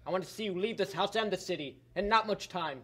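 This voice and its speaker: A man's voice: high-pitched, fast talker, pushed and bright. A young man acting a stern, commanding king on stage, speaking harshly and with authority. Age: young adult. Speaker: student stage actor.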